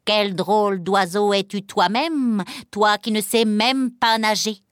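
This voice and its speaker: A woman voicing a plump, calm duck in a storybook, speaking in a calm, dry way. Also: medium pitch, takes it slowly, clean tone, dry recording, natural voice. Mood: retorting.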